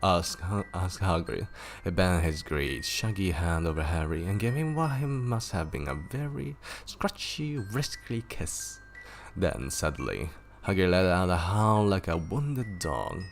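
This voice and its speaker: Male streamer reading a book live, very deep and gravelly, animated delivery. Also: unhurried, soft background music. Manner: laughs easily and jokes with chat. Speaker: streamer and storyteller. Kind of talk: reading a novel aloud on a livestream.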